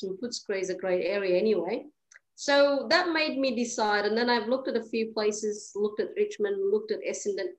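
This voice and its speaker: Poor audio captures a medium-pitched woman, an Eritrean in her thirties and the founder of a cleaning business. As a podcast interview guest chatting casually at home during lockdown, she hesitates, restarts frequently, fills pauses, and laughs readily.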